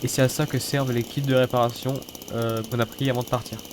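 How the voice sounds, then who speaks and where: This gaming video host talks fast, his medium-pitched voice level in tone and his nose stuffy and sniffly from a head cold. His let's-play commentary is casual, full of swearing and mock grumbling. Behind him, the recording is noisy with a game car engine and clattering mechanical sounds.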